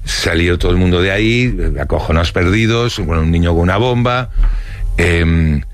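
A man's voice: low voice, moderate pace, soft background music. A middle-aged man from Barcelona telling stories from his childhood in an interview, hesitating often with fillers and restarts. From Barcelona, Spain. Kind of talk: recounting life stories.

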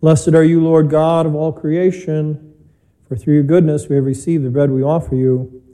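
During a broadcast Mass, a priest speaks into the pulpit microphone with a mellow, warm, level voice pitched a little high. Measured and plain-spoken with gentle humor, he preaches and leads the spoken prayers.

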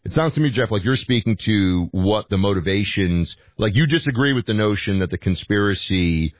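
An American man hosting a talk radio show, thinking aloud in halting commentary, his throat hoarse and scratchy from talking late. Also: fairly low pitch, lively intonation. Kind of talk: conversational political commentary with listener calls. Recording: roomy echo, slightly dull audio.

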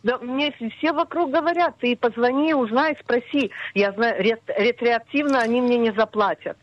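A woman's voice: on the high side, moderate pace. A woman in her sixties calling a radio show, chatty and unsure, talking over the host. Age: 60s. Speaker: caller. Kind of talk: call-in question. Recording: muffled dry phone line.

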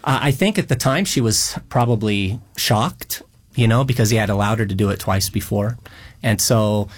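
A man's voice: fairly low pitch, normal speed. A man in his forties, a radio interview guest, tells his life story earnestly with touches of light humor.

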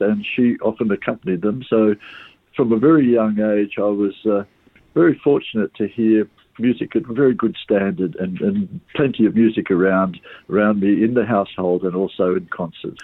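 An older man from Sri Lanka, an orchestra conductor, answering radio interview questions in a halting way with many pauses and restarts. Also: fairly low pitch, husky, no room sound. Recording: tinny phone line.

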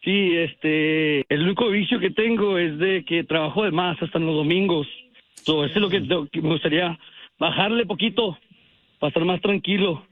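A man's voice: a little high, normal speed, dry recording. A man in his twenties calling in to a radio show, talking hesitantly with many fillers. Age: 20s. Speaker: caller. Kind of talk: casual phone chat. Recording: tinny phone line.

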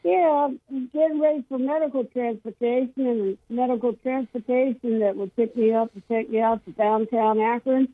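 Halting caller over a tinny phone. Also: mid-range voice, steady tone, no room sound. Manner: halting, repeats and restarts words. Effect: heard over the phone. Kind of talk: call-in radio chat. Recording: tinny phone line, dry.

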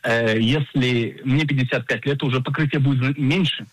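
Insurance agent guest, man in his forties, husky voice, dry close sound, measured explainer who hesitates often. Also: mid-range voice, fairly even intonation, no echo, poor audio. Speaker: insurance agent and financial planner. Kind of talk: radio interview, explaining insurance.

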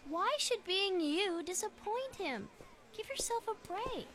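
An actress playing a supportive but exasperated young best friend, animated and emphatic, in a family radio drama. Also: female voice, very high voice, a little slow, heavily acted.

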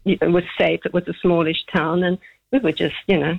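A woman in her seventies from Zambia calls in to a radio show and, chatty and laughing often, rambles through a childhood memory. Her voice is on the low side, creaky and husky, fairly quick with fairly even intonation, and comes through a tinny phone line.

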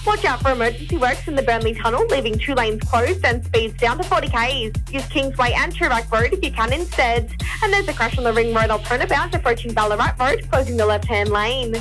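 High-voiced Australian woman reading traffic. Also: animated, a little fast, a bit bright, low-quality recording. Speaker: radio traffic and weather presenter. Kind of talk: scripted radio traffic report. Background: light music bed.

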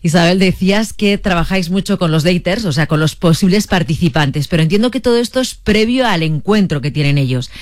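A woman hosts a radio interview, putting questions to her guest with easy curiosity. Her pitch is ordinary. The sound is close and dry. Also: expressive, fairly quick, hardly any pauses, no echo. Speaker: radio host.

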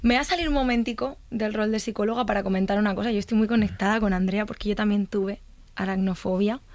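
A woman's voice: medium pitch, fairly even intonation, fast talker, darkish tone, dry recording. A woman psychologist on a talk show, openly recounting her own experiences. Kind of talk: personal story in a talk show.

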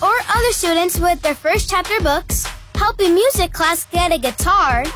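A woman's voice: very high-pitched, lively intonation, moderate pace, music in the background. A woman narrating a scripted charity advert. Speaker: commercial narrator.

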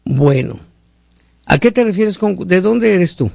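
A man hosts a call-in show and hands out direct financial advice. His voice sits a bit high with gravelly grit. The sound is dry and close. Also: expressive, unhurried, darkish tone, no echo. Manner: direct, advising, rhetorical. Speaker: radio advice host.

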